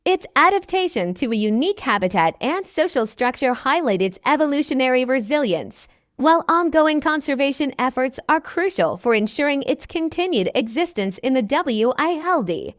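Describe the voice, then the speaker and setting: Female nature documentary narrator, high voice, lively intonation, measured instructional read. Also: dry recording, studio quality.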